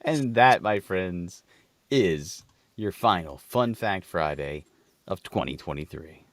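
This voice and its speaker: A man's voice: deep voice, slow, dry recording. A man co-hosting a comedy podcast, telling stories with lots of jokes and laughter. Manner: joking, laughs often, animated storytelling. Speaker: podcast co-host. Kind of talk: casual comedic chat.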